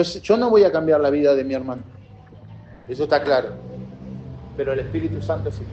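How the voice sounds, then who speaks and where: A high-pitched man preaches a sermon. He pleads with passion, his voice swelling and dropping. The recording is dull and lo-fi. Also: a little hiss or hum. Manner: impassioned preaching, swings between loud and soft. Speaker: pastor. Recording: dull lo-fi sound.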